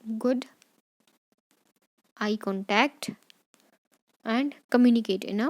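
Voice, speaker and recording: A woman teacher, going over exam questions in Hindi mixed with English, repeating each point and dictating definitions slowly. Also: on the high side. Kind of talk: exam revision lesson.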